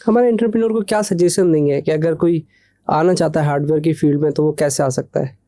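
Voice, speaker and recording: A young man hosting a podcast, asking questions in a quick, hurried way. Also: fairly high pitch, steady tone, mellow. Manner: talks fast, hurried. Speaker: podcast host. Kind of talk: podcast interview.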